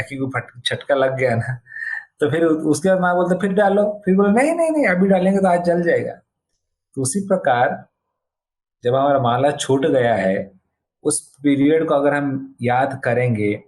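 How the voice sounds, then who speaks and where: A man's voice: medium pitch, a little mellow. A man, a spiritual teacher, answering youth questions in a devotional talk, explaining through homely stories and mixing English phrases into his Hindi. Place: online session.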